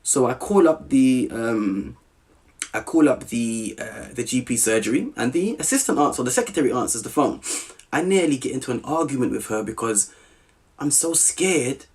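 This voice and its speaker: A man with a South London accent talks through a personal story at a medium pitch. He speaks casually and keeps checking in with his listener. His delivery is animated, and his accent comes through plainly as he goes. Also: normal speed. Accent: South London English. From Southeast London, England. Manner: animated, checks in often with "you with me?". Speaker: podcast guest.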